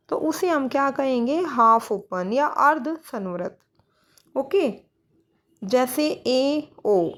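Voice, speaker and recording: A woman teaching a grammar lesson for exam students, posing questions and answering them herself, with English words mixed in. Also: high voice. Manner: mixes English words into Hindi.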